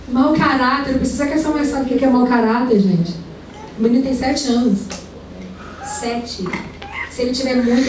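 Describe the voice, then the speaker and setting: A young adult woman from preaching a sermon in a conversational storytelling manner, full of rhetorical questions. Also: fairly high pitch. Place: large indoor event hall. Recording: echoey hall, mic far away, faint room noise.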